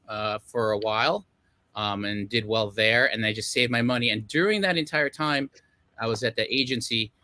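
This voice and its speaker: Middle-aged man, bright tense voice, dry close sound, rambling with fillers, video call guest. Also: medium pitch, dry recording. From Los Angeles, United States. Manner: rambling, many fillers, self-deprecating laughs. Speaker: film director, guest. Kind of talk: casual interview talk.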